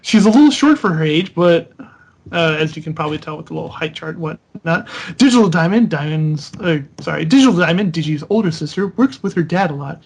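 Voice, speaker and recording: Male podcast host, light high voice, reads text aloud and breaks off to critique it. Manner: reads a character bio aloud, stopping to mock and correct it.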